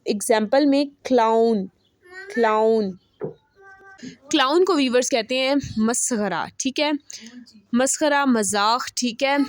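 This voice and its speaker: A woman teaching an online language lesson, repeating each example word slowly and checking in with her viewers again and again. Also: fairly high pitch, darkish tone. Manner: repeats words slowly and says "ठीक है" often.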